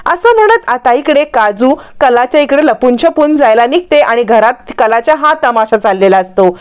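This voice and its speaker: A woman's voice: fairly high pitch, expressive, moderate pace, clear, resonant tone. A woman narrating a recap of a television serial, reading every character's lines in her own voice. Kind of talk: storytelling recap with voiced quotes.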